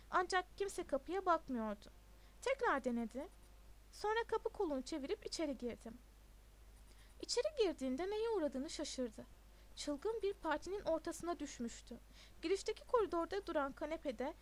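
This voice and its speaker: A woman narrating a novel aloud in an even, expressive storybook reading. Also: very high voice. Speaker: audiobook narrator.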